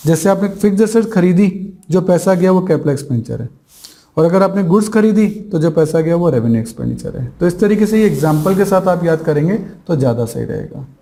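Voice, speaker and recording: A man's voice: high voice, lively intonation, brisk, vocal fry, mellow. A male teacher giving an exam-prep accounting lecture, explaining step by step, mixing English terms into his Hindi and asking rhetorical questions that he answers himself. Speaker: commerce teacher.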